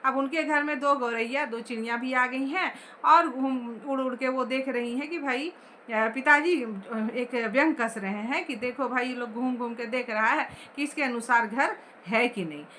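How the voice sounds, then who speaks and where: A woman's voice: high voice, normal speed, bright, forceful tone, a little hiss or hum. A woman teacher explaining a story chapter line by line, asking the class questions as she goes.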